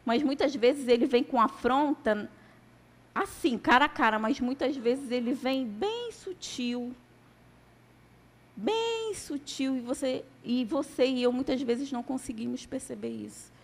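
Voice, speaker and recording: A woman's voice: high voice, moderate pace. A woman giving a church testimony as a sermon, telling her story dramatically and acting out the dialogue.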